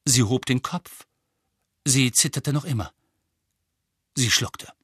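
A man's voice: medium pitch, takes it slowly, a bit bright, husky, dry recording, studio quality. A man narrating an audiobook in a vivid, dramatic reading. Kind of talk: scripted narration.

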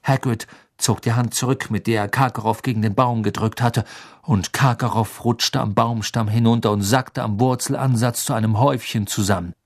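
A man narrating an audiobook in steady, even storytelling. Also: medium pitch, moderate pace. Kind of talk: scripted narration.

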